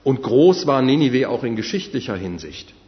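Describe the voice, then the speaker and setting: A man's voice: mid-range voice, very animated, normal speed. Man, sermon, earnest, addresses listeners, dull recording, long hall reverb. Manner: earnest, addresses listeners directly, some fillers. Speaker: preacher.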